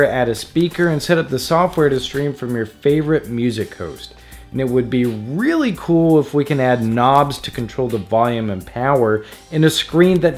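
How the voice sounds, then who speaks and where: Over background music, a man hosts an electronics DIY tutorial, narrating a script in a playful, jokey way. His voice is mid-range and a little mellow.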